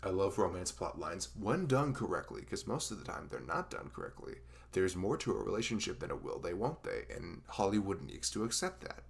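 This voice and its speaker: In a heavily acted, conversational ASMR roleplay, a man plays a dorky, nervous young best friend who rambles and stammers with self-deprecating humor. His low, creaky voice is sing-song and fairly quick, with hardly any pauses, and he sounds enthusiastic.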